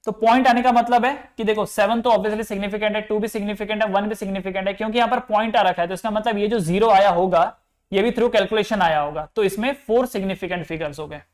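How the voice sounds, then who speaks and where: A man's voice: high voice, fairly even intonation, fast talker. Hindi physics teacher quizzing his class. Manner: explains step by step, asks the students questions; mixes English terms into Hindi. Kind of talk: classroom lecture.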